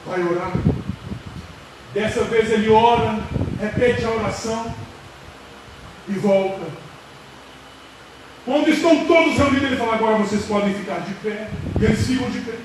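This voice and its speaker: A man with a Brazilian Portuguese accent preaches in a high voice, retelling a story in vivid bursts that climb to shouts. He sounds set back from the mic, and the church hall rings with heavy echo and noise. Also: a little slow, long pauses. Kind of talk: dramatic sermon storytelling. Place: church service. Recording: echoey hall, distant mic, noisy.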